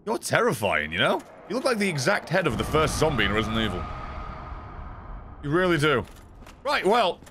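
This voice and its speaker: A man's voice: a little high, wildly swooping pitch, normal speed, pauses often, background noise. Swearing man streaming a game. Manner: swearing, exasperated, swinging between mutters and shouts. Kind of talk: live game commentary. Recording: gameplay stream with music behind.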